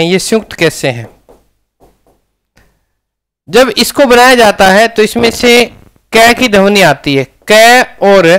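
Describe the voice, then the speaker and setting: A man's voice: high-pitched, a bit bright, clear, resonant tone. A man with a Rajasthani Hindi accent teaching a grammar lesson, often asking questions and answering them himself.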